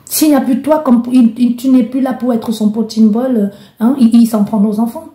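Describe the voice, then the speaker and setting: A woman's voice: on the high side, steady tone, normal speed, warm tone. A woman from Belgium giving a spoken tarot guidance reading, talking straight to the listener with passion and many restarts. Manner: impassioned, addresses the listener directly, many restarts. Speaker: tarot card reader. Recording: echoey room.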